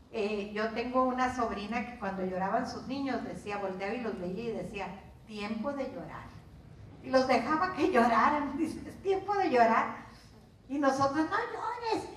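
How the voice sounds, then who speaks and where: An older Mexican woman leads a workshop class in a high, light voice, talking casually and asking her listeners questions. She sounds set back from the microphone in a roomy lecture space with a noticeable echo. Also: recorded from a distance. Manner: conversational, asks the audience questions. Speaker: course instructor.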